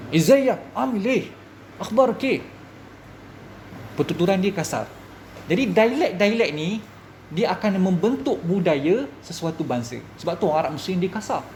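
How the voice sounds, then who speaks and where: A man with a Malaysian Malay accent, a religious teacher giving a classroom lecture, lively and full of rhetorical questions to his students. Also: high voice, a little hiss or hum.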